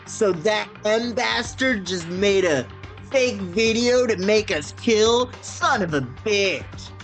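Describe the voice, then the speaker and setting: A man's voice: high voice, expressive, takes it slowly, fairly bright tone, soft background music, pitched above the performer's own voice, exaggerated voice. Man putting on an exaggerated anime boy protagonist voice. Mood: angry disbelief.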